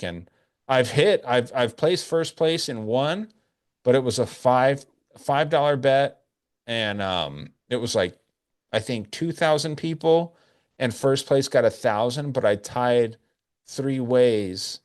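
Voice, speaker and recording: A man hosting a casual sports-betting podcast, talking loosely and swearing often while he runs through his picks. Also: mid-range voice. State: drinking whiskey, hiccuping. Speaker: podcast host. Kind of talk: casual chat.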